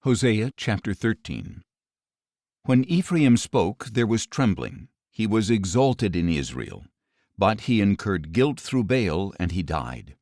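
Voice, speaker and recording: Guy reading the bible aloud, slow and solemn, lowish voice, dead dry close mic. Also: sing-song, a little mellow, no room sound. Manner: measured, solemn delivery with falling line endings. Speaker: audio Bible narrator. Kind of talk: scripted scripture reading.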